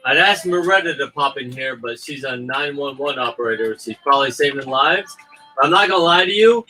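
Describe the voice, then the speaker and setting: A man's voice: medium pitch, lively intonation, brisk, pushed and bright, soft background music, rough recording. A man co-hosting a casual livestream, bantering in a joking, teasing and rambling way. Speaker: livestream co-host promoting a crowdfunding campaign.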